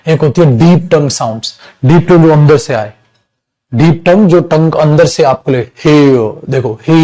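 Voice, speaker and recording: A man's voice: a little high, dark tone, poor audio. A man teaching an English class online, calling students "beta" and stretching out sounds to demonstrate them.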